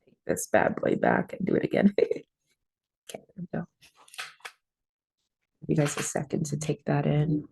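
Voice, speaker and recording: A young woman, a rapper, hosting a songwriting workshop and talking her class through slides in a relaxed, chatty way with plenty of fillers. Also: deep voice, moderate pace, creaky, long pauses, slightly rough. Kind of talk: casual workshop presentation.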